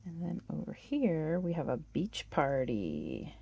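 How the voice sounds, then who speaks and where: A woman hosting a toy-collecting channel, chatting and gushing through a catalog in a hoarse voice. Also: low-pitched, huge pitch swings, slow, dark tone, dull audio. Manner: chatty, gushing, with little laughs. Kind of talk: casual show-and-tell of a toy catalog.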